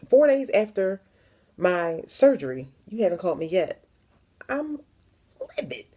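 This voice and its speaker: A young woman from the Philadelphia area speaks straight to the camera in a personal vlog. Her voice sits low and sounds warm and mellow. She talks frankly and leans on repeated words for emphasis. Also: very animated, unhurried. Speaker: vlogger.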